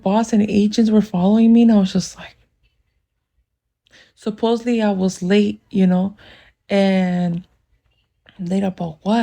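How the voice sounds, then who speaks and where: A woman's voice: mid-range voice, mellow. A woman casually retelling a dream in a rambling, giggly way, full of fillers. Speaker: storyteller.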